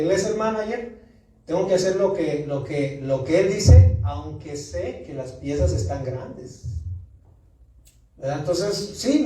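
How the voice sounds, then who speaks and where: Un pastor con acento mexicano predica un sermón a su congregación y cuenta una anécdota personal pidiendo a menudo el asentimiento de los hermanos. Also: male voice, high-pitched, warm tone. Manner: storytelling, asks the congregation for agreement. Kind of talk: sermon. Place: church. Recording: echoey church hall, distant mic.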